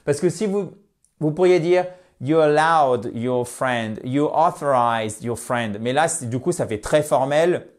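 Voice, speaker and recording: Guy teaching english online, explains step by step, slows right down on the english words. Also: medium pitch. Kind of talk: online language lesson.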